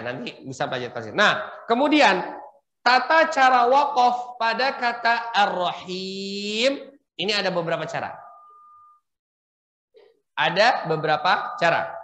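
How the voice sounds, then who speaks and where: A man teaching Quran recitation rules to a class of women, patiently prompting them and demonstrating slow, drawn-out recitation. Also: fairly high pitch, lively intonation, sharp tone. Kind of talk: tajwid lesson for women. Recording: echoey room.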